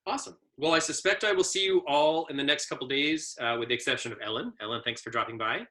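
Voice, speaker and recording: His voice runs on the high side, fast and sharp-edged. The man, a trainer of adaptive ski instructors, leads an informal training talk as a relaxed storyteller who leans heavily on fillers.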